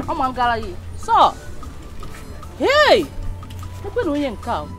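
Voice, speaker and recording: An actress with a Nigerian accent playing a market customer who dismisses gossip. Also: female voice, high voice, wildly swooping pitch, over music, exaggerated voice. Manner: brisk and dismissive. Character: woman shopping, brushing off gossip.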